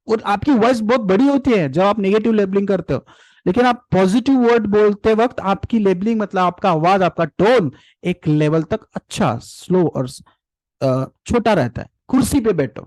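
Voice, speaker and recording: A man's voice: high voice, a little mellow, dry recording. A man leading a live parenting workshop over a video call, who lectures animatedly, repeats his key points and calls on participants by name. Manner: asks rhetorical check questions. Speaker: parenting and personal development trainer.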